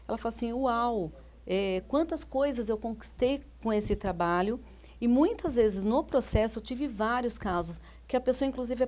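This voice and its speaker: A woman's voice: mid-range voice, warm tone. Brazilian woman coach, chatty and anecdotal. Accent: Brazilian Portuguese. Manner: anecdotal, quotes clients' words, many restarts. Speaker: life coach, interview guest. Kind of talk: interview answers.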